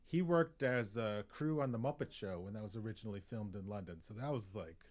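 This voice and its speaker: A man's voice: fairly low pitch, fairly quick, darkish tone, a little hiss or hum. A man, a comedian, telling a story on a podcast, acting out the voices of people he quotes and chuckling as he goes. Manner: chuckles through his story.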